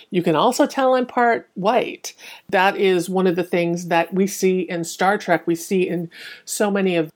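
Woman guest, Hong Kong-born, US-raised, slightly low pitch, earnest and talkative, video-call sound. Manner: earnest, talkative, many restarts. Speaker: podcast guest. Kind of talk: casual panel discussion.

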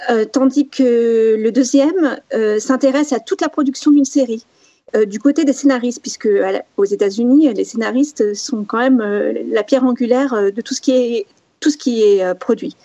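A woman speaks on a casual podcast panel, her voice fairly high and mellow in tone. She hesitates and restarts often, filling the gaps. The recording is dry and dull, like lo-fi podcast audio. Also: normal speed, no room sound. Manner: hesitant, many fillers and restarts.

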